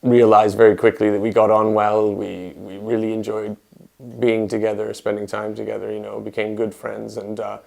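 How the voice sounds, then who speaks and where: A man, a bass player, telling his story in a relaxed way with many fillers in a documentary interview. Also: normal speed, creaky. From Canada. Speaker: bass guitarist.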